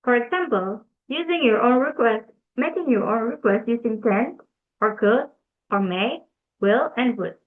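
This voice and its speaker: A young woman, reading a class presentation aloud in a careful, deliberate way and correcting herself as she goes. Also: fairly high pitch, expressive. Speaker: student presenter. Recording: tinny phone-like recording.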